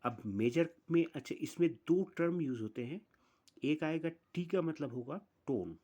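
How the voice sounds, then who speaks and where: A man teaches music theory as a patient, methodical instructor. He speaks slowly and deliberately in a slightly raised voice, counting through the notes one at a time. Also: on the high side, animated, mellow. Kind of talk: explaining music theory step by step.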